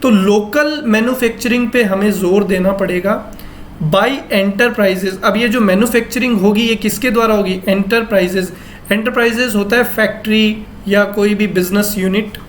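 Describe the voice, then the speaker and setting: A man teaching English grammar from a newspaper text. He asks his class questions and answers them himself, and he reads the English sentences out slowly, word by word. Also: high-pitched, slight background noise.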